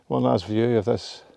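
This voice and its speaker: A man in his fifties with a medium-pitched, creaky, slightly mellow voice vlogs casually to a phone camera held at arm's length on a windy mountain summit. The recording is dry. He chats freely, laughs often and makes jokes at his own expense.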